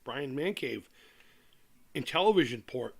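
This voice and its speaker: A man chatting casually as a livestream host, candid and rambling, repeating himself, with the soft lisped diction of missing top teeth. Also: medium pitch, animated, measured pace, vocal fry, husky.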